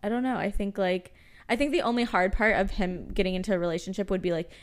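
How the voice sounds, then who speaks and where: A young woman co-hosting a podcast, telling a personal story in casual chat, full of "like" and quick laughs. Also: medium pitch. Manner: chatty, animated storytelling with frequent "like" and laughs. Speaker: podcast co-host.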